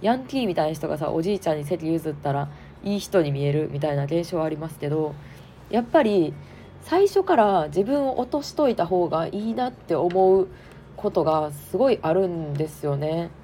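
Kansai woman chatting solo on her podcast, hoarse n stuffy nose, lowish voice, lots of um and well. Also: animated, a little fast, mellow, slight background noise. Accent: Kansai Japanese. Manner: chatty, frank, many fillers. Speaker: podcast host. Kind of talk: casual solo podcast talk.

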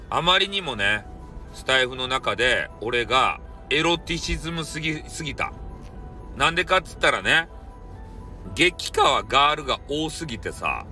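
Bright-voiced man with a Hakata accent. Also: mid-range voice. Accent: Hakata dialect. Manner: joking, mock-formal and playful. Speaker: podcast host, storyteller. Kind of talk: casual solo podcast talk.

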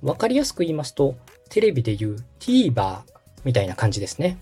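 Hosting an explanatory podcast, this Osaka man in his thirties, a radio director, lays things out politely, patiently and step by step. He speaks fairly quickly at medium pitch with huge swings, his voice mellow and breathy, over soft background music.

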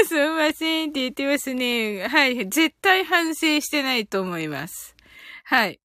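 In a dry, clean studio recording, a woman with a high, sing-song, bright and forceful voice speaks unhurriedly on her online live stream. She addresses listeners in a chatty, personal way, reads their comments aloud, and leads a casual chat plus a bilingual guided meditation.

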